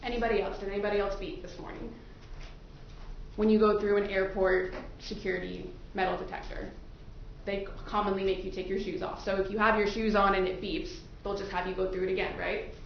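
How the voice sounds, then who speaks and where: Her voice is medium-pitched and gravelly, with little pitch movement and a slightly quick pace. As a defense attorney, she questions prospective jurors conversationally and explains things informally over a courtroom microphone, in noisy, muffled, echoing sound.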